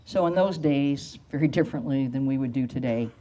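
An older female pastor preaches at an outdoor lectern, a handheld mic held close, telling simple stories in a plain, conversational sermon. She deliberately slows down on phrases she wants to land, and her voice is bass and warm.

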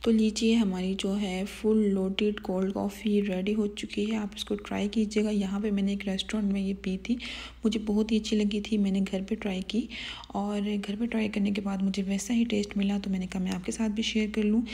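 A woman narrates a home recipe as a voice-over, guiding viewers calmly through each step. Her voice is warm and mellow, with little rise and fall, and it stays level and steady throughout. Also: medium pitch, brisk. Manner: calm step-by-step instructions with soft asides. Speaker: cooking channel host.

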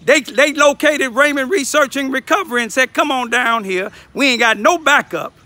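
An older man speaks emphatically into his phone outdoors in a backyard, acting as a local citizen reporter in an informal selfie vlog and repeating himself to drive points home. His very high-pitched voice is bright and forceful at a moderate pace. The phone is at arm's length, and there's no echo.

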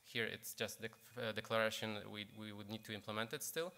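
A man in his thirties giving a technical lightning talk on stage, halting and hesitant as he searches for words. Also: fairly low pitch, bright, forceful tone. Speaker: conference speaker, programmer. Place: conference stage in a hall.

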